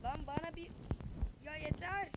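A woman's voice: sits high, normal speed. A woman giving casual let's-play commentary to her viewers, exclaiming and grumbling in exasperation at the game. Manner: talks to viewers directly. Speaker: gaming channel host. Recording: dull lo-fi mic with loud hiss.

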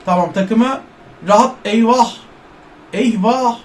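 Excitable male gaming commentator, high voice, shouts and trash-talks teammates, faint background noise. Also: takes it slowly. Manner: jokes as an overweight footballer in first person. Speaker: gaming YouTuber. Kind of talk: excited live gameplay commentary.

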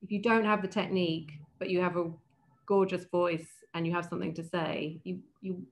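Her voice is on the low side with fairly even intonation and a moderate pace. She's an opera casting director being interviewed casually over video call, reflective and prone to restarting sentences.

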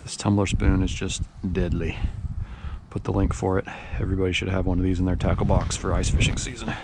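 A fishing vlogger in his forties, with a lowish voice and fairly quick pace, keeps up casual running commentary while ice fishing outdoors on a frozen pond in strong wind. He breaks into excited outbursts when fish bite, and the wind roars loudly on his body-worn action camera.

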